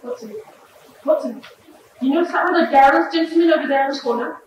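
A woman's voice: sits high, fast talker, lo-fi sound, slight background noise, lightly acted. A teen girl playing a shrewd, secretive detective. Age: teens. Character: shrewd, secretive male detective, middle-aged. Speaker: student actor. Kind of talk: stage play performance. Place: school theatre stage. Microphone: distant room mic. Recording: echoey hall from far off.

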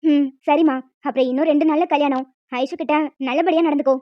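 Woman voicing a gentle, wise aunt. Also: high-pitched, quick pace, no room sound, voice pushed down, natural voice. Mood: advising. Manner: gentle, advising, calm. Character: kind, wise middle-aged aunt. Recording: dull lo-fi audio with music.

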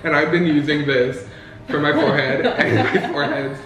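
A man's voice: on the high side, animated, moderate pace. A young man chatting casually over his makeup with sassy, campy drag-queen banter. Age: young adult. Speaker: makeup vlogger. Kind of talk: casual chat during makeup. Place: small indoor room with bare wall. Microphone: camera a few feet away. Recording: very echoey room, music underneath.

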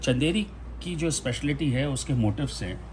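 A middle-aged man, a saree shop owner, explaining his craft in a calm, measured way in a large shop. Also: medium pitch, a little hiss or hum. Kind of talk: casual explaining. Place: large clothing shop indoors.

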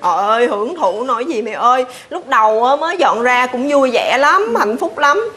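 A woman's voice: a little high, sing-song, normal speed, fairly bright tone. A woman in her twenties with a southern Vietnamese accent, acting a weary, sickly young wife in a comedy skit, plaintive. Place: sparse tiled room.

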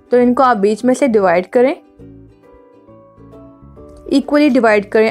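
A woman hosting a home cooking tutorial, talking through each step in a chatty, instructive way and often repeating herself. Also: on the high side. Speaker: cooking channel host.

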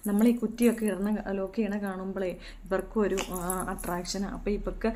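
A woman's voice: mid-range voice, little pitch movement, normal speed, warm tone, slight background noise. A woman, chatting in a casual home vlog and coaxing her toddler in a sing-song way. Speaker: mother and home vlogger.

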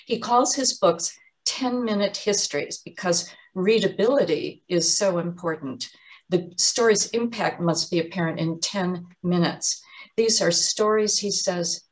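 A woman giving an explanatory museum talk on artist's books, measured and often pausing with um and uh. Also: on the low side. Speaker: art lecturer.

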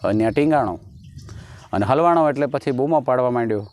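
A man's voice: mid-range voice, animated, fast talker, darkish tone. A man, a stand-up comedian, telling folk jokes in a rustic dialect and acting out each character in the story.

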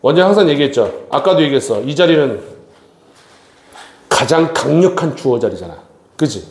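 A man's voice: medium pitch, lively intonation, moderate pace, a little mellow. A middle-aged man teaching an English grammar lesson in a classroom, constantly addressing his students and checking with tag questions. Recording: echoey classroom.

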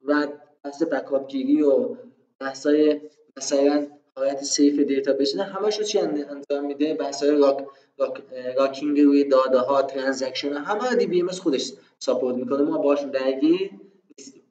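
A man's voice: mid-range voice, steady tone, mellow, lo-fi sound. Man teaching databases in an echoey room. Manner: conversational, rhetorical self-questions, frequent fillers. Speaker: programming instructor. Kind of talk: screen-recorded tutorial explanation.

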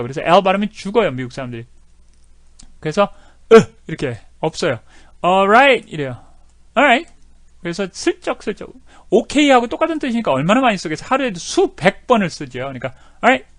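A man gives an animated English video lesson, saying words over and over to show how they sound. His voice sits high, and the recording is dry with clean studio sound.

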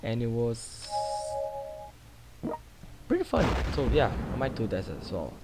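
Pitch swoops wildly around a medium register as this young gaming channel host speaks in an unhurried way. Accented in Brazilian Portuguese, he casually rambles about his own strategy game, restarting often and using plenty of fillers, over loud game music and battle sounds.

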